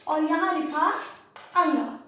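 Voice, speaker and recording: A woman's voice: high voice, slow, bright, forceful tone. A woman teaching young children a lesson in a classroom, patiently asking questions and then answering them herself. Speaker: primary school teacher. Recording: very echoey room, voice from a distance.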